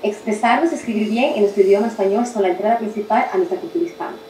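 A woman teaching a spelling masterclass over a video call, talking quickly and correcting herself as she explains. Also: mid-range voice, roomy sound, slight background noise, rough recording. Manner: fast-talking, self-correcting, animated teacher. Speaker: guest instructor.

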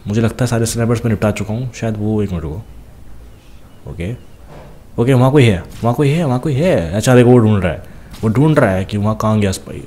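A man's voice: lowish voice, animated, warm tone. Chatty man narrating gameplay. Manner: chatty, teasing enemies, talks fast while playing. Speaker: gameplay commentator. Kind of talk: casual game commentary.

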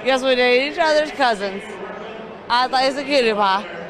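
A woman's voice: sits high, moderate pace, a crowd in the background. A young woman from Georgia giving a brash, rambling interview into a handheld microphone. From Georgia, United States. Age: young adult. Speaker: interviewee at a monster truck event. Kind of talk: boisterous vox-pop interview. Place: busy arena concourse.

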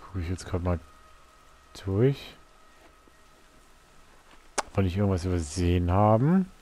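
Low, dark-voiced man commenting on a game. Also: expressive, unhurried. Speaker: let's player. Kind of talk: casual gameplay commentary. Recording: faint game noise behind.

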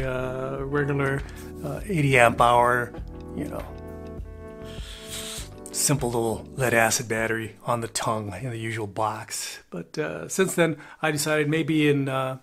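An older man from Texas giving a casual talking-head RV travel update, rambling with lots of "uh" fillers and folksy asides. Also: mid-range voice. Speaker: RV travel vlogger. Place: plain indoor room, grey wall.

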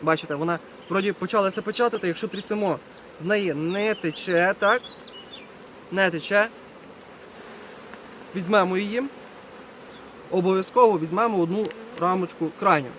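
Working outdoors at his apiary, a beekeeper presents a video in a casual, hands-on demonstration, talking to viewers and repeating short phrases. His voice is high and a bit bright, at normal speed with frequent pauses. Buzzing bees and insects fill the outdoor recording.

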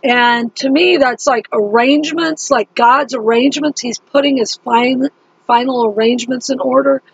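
A woman's voice: high-pitched, normal speed, creaky, husky, highs cut off. A middle-aged woman recounting her dreams in casual talk, rambling and correcting herself with many fillers. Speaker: video channel host.

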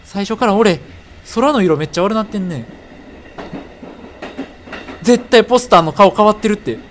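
A man with a Kansai accent, commentating a horror game, excitable and jumpy with loud reactions. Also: sits high, normal speed, slight background noise. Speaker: gaming streamer. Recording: game music playing behind.

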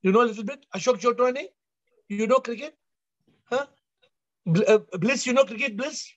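A man's voice: very high-pitched, moderate pace, dry recording. A man, giving a spiritual discourse on a video call, emphatic and repeating phrases. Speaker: spiritual teacher leading an online discussion. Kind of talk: spiritual discourse with questions to listeners. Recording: slightly dull video-call audio.

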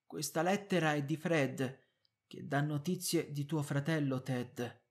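A man's voice: fairly high pitch, unhurried. A man voicing a flustered, evasive middle-aged husband in an audiobook reading, hesitant and placating.

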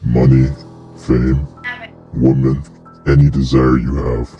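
Man through a deep-shifted voice changer as a menacing devil, slow and insistent, very low and flat. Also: highs cut off, music in the background. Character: menacing devil offering a soul deal. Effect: voice changer pitched very deep. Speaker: prank caller. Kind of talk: prank call over game voice chat.

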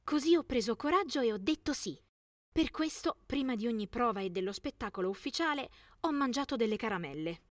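Young woman narrating with a higher-pitched voice. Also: lively intonation, brisk, no room sound, clean studio sound. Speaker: narrator of an animated story, as a teenage girl. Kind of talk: scripted first-person story narration.

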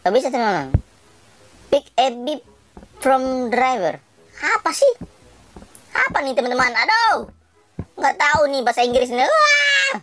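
A woman commentates her game in a casual, chatty way, talking to her viewers and to the characters on screen. Her voice sits fairly high and leaps from squeals down to low mutters. She laughs often as she plays. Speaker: gaming channel host.

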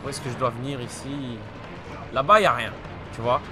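A young man, still a little ill, commenting on his gameplay with frequent swearing and frustrated shouts. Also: mid-range voice, moderate pace. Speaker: let's play gamer. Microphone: desk mic. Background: game music.

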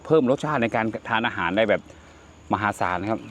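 An older man hosts a casual cooking vlog, chatting as he tastes the food and exclaiming over it. His voice is lowish and fairly bright, with lively intonation and a fairly quick pace. There's slight background noise.

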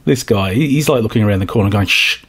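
Bloke, low husky voice, upbeat and chatty, calls viewers guys; casual kit-review vlog host. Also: male voice, racing, darkish tone. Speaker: scale model kit reviewer. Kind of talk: casual enthusiastic product review.

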